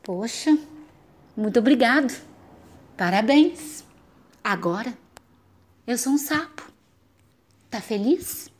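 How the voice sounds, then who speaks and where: A woman's voice: animated, slow, long pauses. Woman doing a frantic, begging storybook voice. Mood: pleading. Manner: frantic, melodramatic pleading with wild pitch leaps. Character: desperate pleading storybook voice, male, begging reader.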